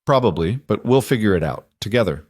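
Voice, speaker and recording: A man voicing a quiet, steady reformed drifter who speaks low and gently. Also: a little fast, dry recording, studio quality. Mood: tender.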